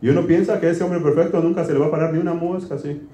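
Folksy pastor in an echoey room. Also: male voice, on the high side, fairly even intonation, fast talker, warm tone. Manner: folksy, quizzes the congregation with questions. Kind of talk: conversational sermon.

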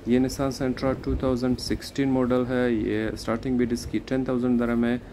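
A car market vlogger narrates a walkaround video at an outdoor used car auction lot, with outdoor noise behind him. His mid-range voice moves at a moderate pace, plain, steady and informative, with hesitant fillers.

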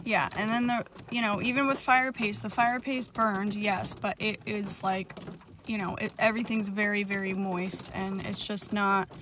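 A woman's voice: medium pitch, fairly even intonation, normal speed. A young woman chatting casually and laughing often as a vlogger at a rainy campsite. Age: young adult. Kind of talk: casual vlog chat. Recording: noisy outdoor campsite recording. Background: rain and outdoor ambience.

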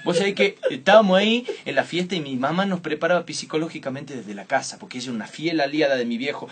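A man with a Tucumán accent playing a boastful provincial police officer in a comic monologue, rowdy and punchy with bursts of shouting. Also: a little high, quick pace, noisy background, natural voice. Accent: Tucumán, Argentina. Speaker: comedian in a sketch. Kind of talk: stand-up style comic monologue.

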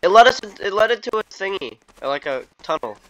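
A young man hosting gameplay commentary with friends, excitable, swearing a lot and yelping when startled. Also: high-pitched, fast talker, highs cut off. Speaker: gaming video host. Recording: friends' chatter heard behind.

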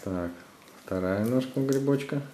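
Indoors in a home living room, a father talks casually to his children while they do a craft, repeating simple, encouraging instructions. His voice is mid-range and mellow at a moderate pace. The roomy home recording carries some noise.

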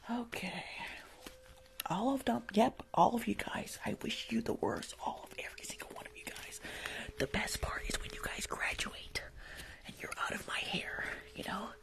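In a small indoor room, a young woman with a high-sitting voice whispers breathily close to the mic. She performs an ASMR roleplay as a rude school nurse, blunt and grumpy.

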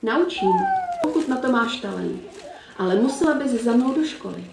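A woman voicing a kindly old male wizard grandfather who speaks slowly and softly. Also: on the high side, sing-song, creaky, echoey room, far from the mic, background noise, voice pushed up. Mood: gentle.

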